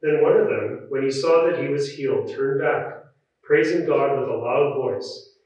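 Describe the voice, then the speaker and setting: A man reading scripture aloud in a large church, with a measured, solemn delivery and a cathedral echo. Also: medium pitch, darkish tone. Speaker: scripture reader. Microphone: distant room microphone. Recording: echoey muffled church recording from far off.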